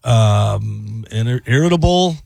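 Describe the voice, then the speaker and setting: A man's voice: lowish voice, expressive, takes it slowly, creaky, darkish tone, no echo, studio quality. A man in his late forties co-hosting a radio show, chatting casually and laughing easily. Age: 40s. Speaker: radio co-host.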